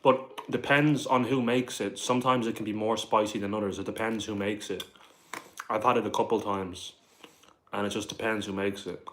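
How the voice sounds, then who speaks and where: A man's voice: on the low side, fairly even intonation, moderate pace, fairly bright tone, a little hiss or hum. A man with a Dublin Irish accent hosting a casual livestream, reading viewer questions aloud and answering them with lots of "like" and "bro". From Ireland. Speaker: livestream host.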